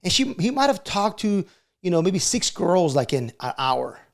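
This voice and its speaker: With big pitch swings and a normal pace, this middle-aged video host talks in a fairly high, heavily creaky, gravelly voice. His sales advice is casual and motivational, and he keeps it conversational by adding little check questions to seek agreement.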